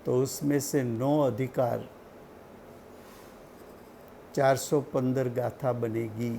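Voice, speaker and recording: A man giving a slow, deliberate religious study lecture, repeating key points for his listeners. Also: medium pitch, fairly even intonation, gravelly, mellow, slight background noise. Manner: slow, deliberate teaching with repetition. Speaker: scripture teacher.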